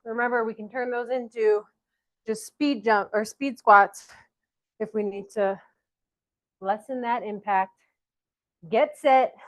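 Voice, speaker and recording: A Southern-accented fitness coach leads a live workout class, out of breath as she counts down and pushes her class with energetic encouragement. Her voice is fairly high and slow, with long pauses, and the audio is poor.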